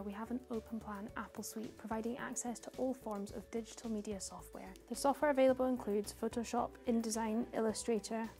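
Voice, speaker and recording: A young woman narrates a guided tour in a fairly high voice. She is calm and informative, reading prepared lines clearly as a guide would. Music plays behind her. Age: young adult. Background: background music.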